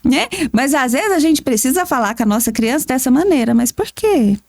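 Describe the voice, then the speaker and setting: A woman's voice: high-pitched, a little fast. A Brazilian woman, a therapist co-hosting a podcast, chatting casually and acting out talks with her kids. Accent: Brazilian Portuguese. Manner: animated storytelling, acts out dialogues with her children.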